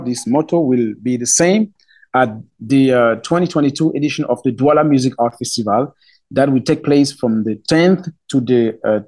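A middle-aged festival spokesman from Cameroon speaks in a warm, medium-pitched voice during a radio interview. English is his second language after Romala, and his Cameroonian-accented delivery is halting, with frequent fillers and restarts.

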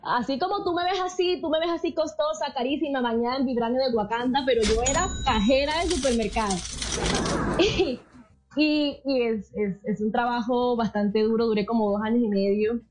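A woman with a Colombian coastal accent tells a funny story as a guest. Her voice is high and lively, and she laughs easily. She talks in a loose, colloquial way. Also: moderate pace, noisy background. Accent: Colombian Caribbean coast. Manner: animated, laughing often, colloquial. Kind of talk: comic storytelling in a chat.

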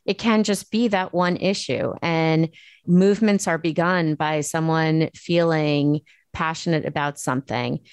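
A woman's voice: deep voice, smooth, dry recording, clean studio sound. A woman hosting a talk show, speaking earnestly and emphatically with frequent restarts. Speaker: host. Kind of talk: casual chat.

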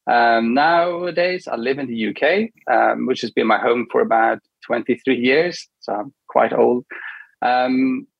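A middle-aged man from Sweden, a product manager appearing as a guest, chats in a casual interview with a somewhat husky, medium-pitched voice. He's relaxed but hesitant, full of ums and quick tag-question check-ins. The recording is dry with no room echo and the highs cut off.

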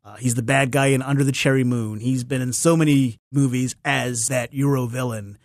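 A man hosting a podcast, talking about a movie in an animated, opinionated way and laughing easily. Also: medium pitch, moderate pace, no echo, clean studio sound. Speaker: podcast host. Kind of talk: casual film discussion.

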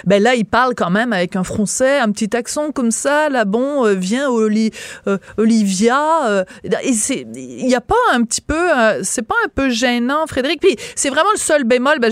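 A Québécois woman hosting a radio interview, her voice fairly high and recorded close and dry in a studio. She asks searching questions with animated emphasis, sometimes slowing to stress a point. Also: dry recording. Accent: Québécois French. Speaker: radio host.

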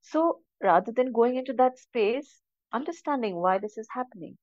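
A woman's voice: on the high side, expressive, normal speed, no room sound, highs cut off. A woman with an Indian accent giving casual, earnest advice as a podcast guest, emphatic and slipping into Hindi phrases.

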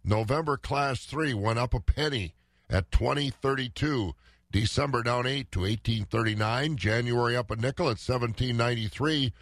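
A man's voice: medium pitch, moderate pace, a bit bright, no echo. A man, a morning radio host reading weather and market prices in conversational, clipped phrases.

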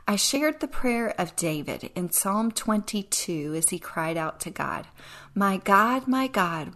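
A woman hosting a devotional podcast, teaching in an earnest, reflective way with a touch of dry sarcasm. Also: lowish voice. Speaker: podcast host.

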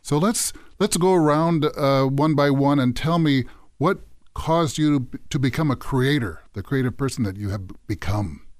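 A man hosting a talk show, interviewing guests in a friendly, slightly halting way. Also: medium pitch, no echo. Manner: friendly, conversational, a bit halting. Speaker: host.

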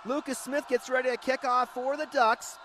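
A man with an American accent doing live football play-by-play as a radio announcer, with an excited, rising touchdown call when a play breaks open. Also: very high-pitched, normal speed, slight background noise. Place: live at an outdoor high school stadium.

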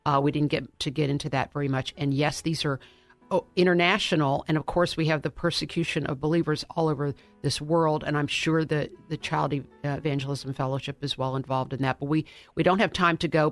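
A man's voice: fairly high pitch, fairly even intonation, a little fast, soft background music. A man hosting a radio interview, affirming his guest and encouraging listeners. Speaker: radio show host.

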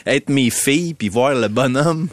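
A man in his fifties with a Québécois accent, telling stories on a morning radio show in a chatty, animated way. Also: medium pitch, a little slow, a crowd in the background. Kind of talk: casual radio chat.

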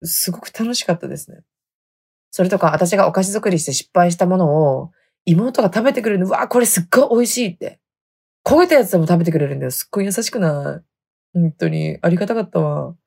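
Woman rambling on her podcast, husky voice, swings up and down a lot. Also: on the low side, animated, fast, warm tone. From Hokkaido. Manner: chatty, laughs often, dialect sentence endings. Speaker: podcast host. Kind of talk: casual storytelling chat.

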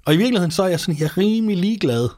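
A man's voice: high voice, expressive, darkish tone, dry recording, clean studio sound. A man from Denmark hosting a podcast, chatting with playful, ranting exaggeration. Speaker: podcast host. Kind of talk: comedic casual chat.

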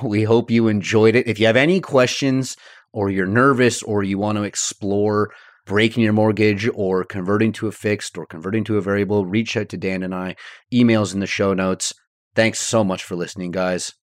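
A man with a fairly low voice hosts a podcast. He gives casual advice, and the sound is close and dry, free of room echo. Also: fairly even intonation, normal speed. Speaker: podcast host.

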